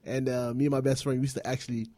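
A man's voice: mid-range voice, little pitch movement, very fast, mellow. A man hosting a talk show in casual, conversational chat. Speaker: host of a wrestling talk show.

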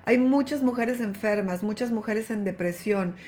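A woman's voice: mid-range voice, moderate pace, slight background noise. A woman gives a motivational talk to women. She is emphatic and affectionate, calls the listener "hermosa" and keeps checking in with "¿ok?". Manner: animated, emphatic. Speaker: wellness coach.

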